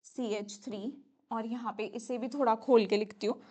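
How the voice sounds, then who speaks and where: Higher-pitched woman teaching chemistry. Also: steady tone, moderate pace, darkish tone. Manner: chatty, addresses students as "beta", self-correcting. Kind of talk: exam-prep lecture at a whiteboard.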